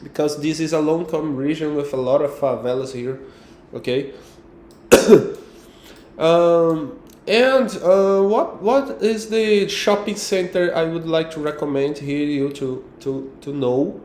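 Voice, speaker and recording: A man's voice: on the high side, slow pace, darkish tone, roomy sound. A man with a Brazilian Portuguese accent guiding viewers around his city, hesitant and full of fillers, ending lines with "okay". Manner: hesitant, many fillers, tags sentences with okay. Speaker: local guide showing the city on a map. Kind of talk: casual screen-share tour talk.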